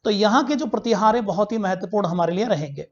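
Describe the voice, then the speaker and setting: A man's voice: high-pitched, quick pace, a little hiss or hum. Male history teacher in an online class, poses questions, answers them himself, drills key facts; dull lo-fi recording. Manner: repeats key facts for students to remember.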